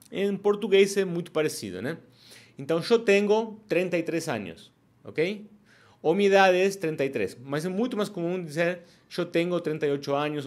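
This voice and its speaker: A man gives a relaxed online Spanish lesson, walking learners through the material step by step and often checking in with "ok?". His voice is fairly high.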